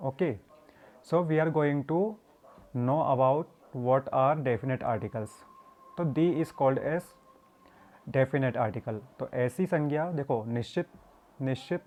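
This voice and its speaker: A man's voice: mid-range voice, a little mellow. A man teaching an English grammar lesson, explaining in Hindi mixed with English and calling his students "beta".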